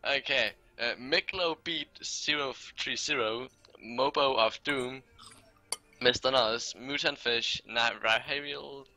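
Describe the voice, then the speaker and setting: A man's voice: mid-range voice, slow pace, bright, forceful tone, low-quality recording. A man co-hosting a livestream, laid-back and joking as he reads off a list of viewer names. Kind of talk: casual livestream chat, reading a list of names.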